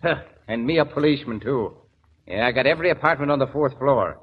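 In a 1970s radio drama, an actor with a mid-range, breathy-edged voice plays a grumbling, reluctant but good-natured policeman, delivering blustery, exasperated protests quickly and expressively. The old recording sounds dull and noisy.

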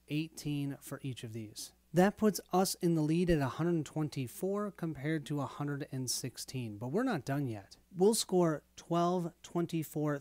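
Hoarse, higher-pitched man hosting a board game. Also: a little mellow, no room sound. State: hoarse, lost his voice; tired late at night. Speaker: host of a board game playthrough. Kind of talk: casual tabletop gameplay walkthrough.

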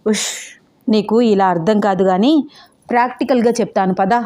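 A woman's voice: medium pitch, fairly even intonation, normal speed, dark tone, natural voice. A woman voicing a playful, teasing young man who patiently teaches his girlfriend to ride a scooter, read as an audio novel character. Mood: coaxing.

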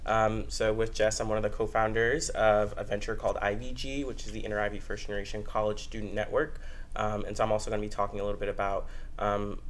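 A young man in his twenties from Georgia introducing himself on a student panel in an upbeat, relaxed way. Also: fairly low pitch, fast. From Georgia, United States. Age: 20s. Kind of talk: panel discussion.

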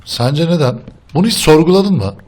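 A man's voice: a little high, expressive, normal speed, darkish tone. A young man hosting a casual gameplay session, chatting, laughing often and arguing playfully with his friend. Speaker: gaming channel host.

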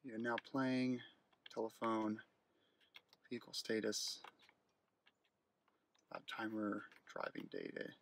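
A gravelly, lowish male voice delivers flat, slow commentary with long pauses as this car vlogger walks around a dealership lot and later climbs into a car. He thinks aloud, using fillers and restarting sentences. The handheld phone camera picks up a little hiss or hum.

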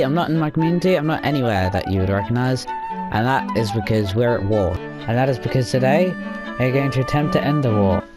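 A teenage boy hosting a casual gaming vlog with excitable, chatty commentary. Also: mid-range voice. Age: teens. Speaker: channel host.

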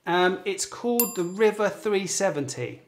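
A man's voice: sits high, animated, measured pace. A man with a British accent casually chatting through a tech unboxing at home, wandering and restarting his sentences. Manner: chatty, meandering, restarts phrases. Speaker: tech reviewer.

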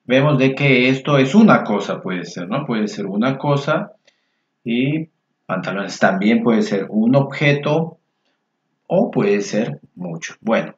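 A man teaching a friendly Spanish grammar lesson, his voice sitting at an ordinary middle pitch. He says the example words slowly and mutters quietly to himself while he fixes the screen. The recording is roomy and a little dull and lo-fi. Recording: echoey room, dull lo-fi sound.

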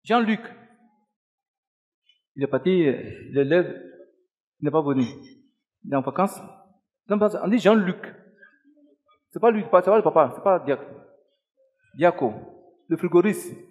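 Commanding pastor in an echoing hall. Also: male voice, sits high, lively intonation, unhurried, pauses often, a little mellow, highs cut off. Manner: commanding, repetitive chanting. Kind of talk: deliverance ministry. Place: church.

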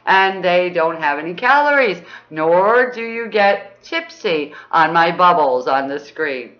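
A woman leading a guided throat chakra exercise, chatty and upbeat, often checking in with "okay?" and breaking into high whoops. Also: expressive, unhurried, highs cut off. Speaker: spiritual teacher.

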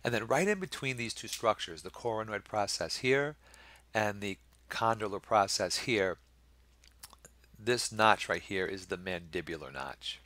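Middle-aged male lecturer, very low voice, dry close sound, patient and explanatory. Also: expressive, unhurried, bright, forceful tone, dry recording. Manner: explains patiently, often checking with a questioning "right?". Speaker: anatomy instructor. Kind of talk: recorded lecture over slides.

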